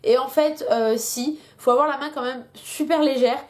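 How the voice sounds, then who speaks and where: A woman's voice: sits high, steady tone, moderate pace. A young woman chatting casually in a beauty product review, full of hesitations, while she has a headache. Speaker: beauty vlogger.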